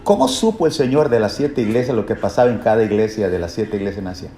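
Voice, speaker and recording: A man preaches a Bible lesson emphatically and didactically, asking rhetorical questions and repeating key phrases. His voice is fairly low, mellow and expressive, and he talks fast. The room is echoey, with faint background noise.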